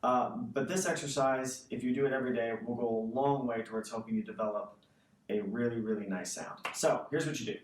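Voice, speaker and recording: A man giving a casual instructional explanation as a music teacher, conversational and often checking in with the listener. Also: mid-range voice. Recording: roomy, distant mic, faint noise.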